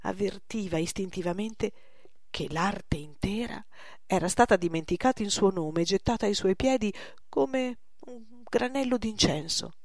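A woman narrating a story in a measured storytelling manner. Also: mid-range voice, a little mellow, dry recording, studio quality. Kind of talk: scripted narration.

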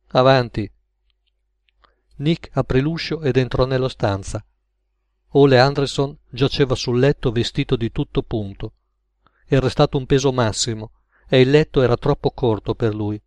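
Male narrator, audiobook, measured, dry close sound. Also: medium pitch, a little mellow, no echo. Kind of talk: audiobook reading.

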